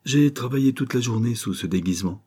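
Brief: a man playing a commanding detective, mellow and husky, dry and assured, storybook reading. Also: medium pitch, expressive, fairly quick. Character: calm amused male detective, cool and commanding.

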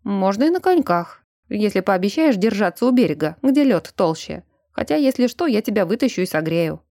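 A woman voicing a gruff, protective young man, blunt and bossy, in an audiobook. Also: medium pitch, very animated, brisk, dark tone, no echo, studio quality. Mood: calm teasing.

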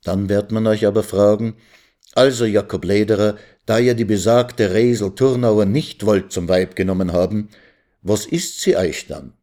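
Stern lecturing old lawyer, scolds loud and insistent, read by a man. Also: lowish voice, normal speed, lightly acted.

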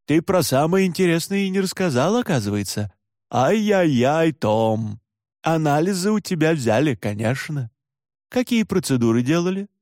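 A man's voice: fairly high pitch, big pitch swings, normal speed, darkish tone, no room sound, clean studio sound. A man voicing a stern older male head doctor who speaks curtly and with irritation. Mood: curious. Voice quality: gruff, curt. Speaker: head physician.

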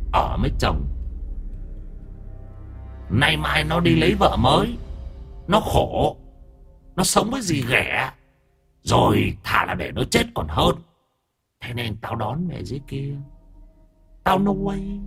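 A man's voice: very animated, slow pace, creaky, long pauses, fairly bright tone, long reverb tail, faint music behind, heavily acted. A man voicing a vengeful dead mother's ghost, half demon, who wails and hisses her grievances. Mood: bitter. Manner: shrill, hissing, wailing.

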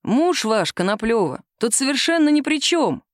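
A woman voicing a calm, caustic male police captain who questions a suspect slowly in an audiobook. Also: a little high, no echo, pitched above the performer's own voice. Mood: dry. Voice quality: nagging, dry. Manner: slow, calm, measured interrogation.

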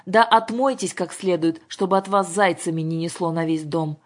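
A woman voicing a stern, angry middle-aged father who barks orders and threatens loudly, with a slightly husky voice. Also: mid-range voice, lively intonation, moderate pace. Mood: bossy. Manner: blustering, commanding, shouting orders.

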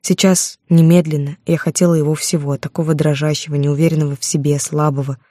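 A woman narrating a first-person romance novel in a steady storytelling voice, on a close microphone. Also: low-pitched, a little fast, no room sound. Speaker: audiobook narrator.

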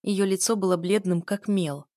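A woman narrating a first-person story in a steady, scripted audiobook read. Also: mid-range voice, normal speed, dry recording, clean studio sound.

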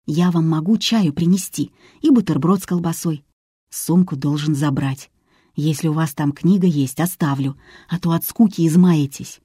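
A woman's voice: sits low, normal speed, warm tone, slightly rough, dry recording, studio quality. A woman reading the part of a polite, earnest young male policeman who keeps apologizing. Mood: apologetic.

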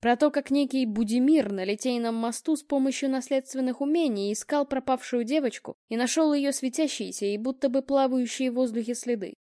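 A woman's voice: sits high, brisk, few pauses, mellow, dry recording, clean studio sound, close to an everyday voice. A woman doing a wry old investigator. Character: old male retired investigator, wry and kind.

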